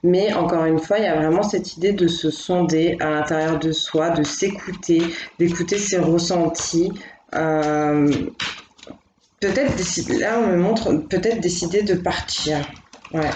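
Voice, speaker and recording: A woman doing a relaxed tarot reading in a slightly low voice, thinking aloud and reassuring her listeners. Her voice rings in an echoey room, with faint noise in the background. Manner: thinks aloud, gentle and reassuring, many fillers. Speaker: tarot card reader. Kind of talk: casual spoken tarot reading.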